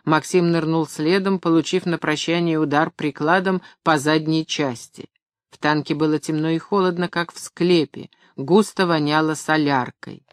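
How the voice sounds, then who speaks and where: A man's voice: on the high side, fairly even intonation, normal speed, dry recording. Man narrating an audiobook, dry sound. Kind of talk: scripted narration.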